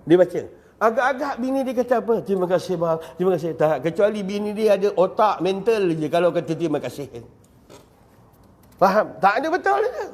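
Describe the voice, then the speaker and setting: A man with a Malaysian Malay accent teaching a lively, joking religious lecture in a mosque. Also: sits high, brisk. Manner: lively, joking, with acted-out examples. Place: mosque prayer hall. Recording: long reverb of a mosque hall.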